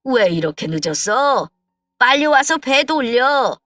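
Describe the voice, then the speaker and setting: A woman voicing a gruff, short-tempered older husband in a storybook tale, speaking brusquely, from a distance in a dry space. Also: high voice, big pitch swings, slow, no room sound, faint music behind, voice pushed up, exaggerated voice. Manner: brusque, scolding, then gentle.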